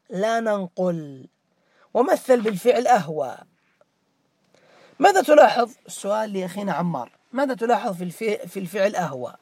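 A man's voice: high-pitched, dry recording, studio quality. A man teaching morphology, questioning students by name and repeating key words as a drill. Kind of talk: interactive grammar lesson.

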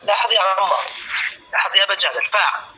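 A man teaching a classical Arabic lesson, slowly spelling out word patterns syllable by syllable and calling students by name. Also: high voice, animated, sharp tone, low-quality recording. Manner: addresses students by name, asks if clear.

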